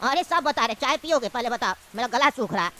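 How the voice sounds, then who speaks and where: Sly old uncle voiced by a woman, gruff low put-on tone, coaxing, comedy skit, animated delivery, background noise. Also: quick pace, natural voice. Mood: scheming. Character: sly scheming older village uncle, tea seller. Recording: noisy home recording.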